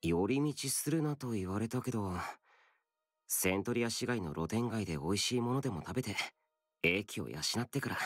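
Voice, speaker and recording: A man voicing a calm, terse young male swordsman hero in an anime game. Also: lowish voice, a little fast, no room sound, studio quality.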